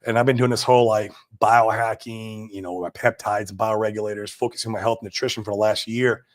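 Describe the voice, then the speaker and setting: Male streamer in his forties, casual and slangy, mid-pitched, unhurried chat. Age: 40s. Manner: laid-back, slangy, trailing off with "man" and "dude". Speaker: livestream host. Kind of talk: casual livestream chat reading viewer comments. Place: home in Puerto Rico.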